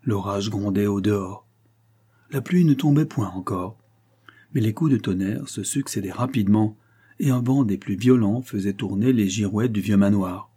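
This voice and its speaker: A man narrating a classic novel as an audiobook, in a measured literary reading. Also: fairly low pitch, dark tone, slightly rough. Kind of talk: scripted narration.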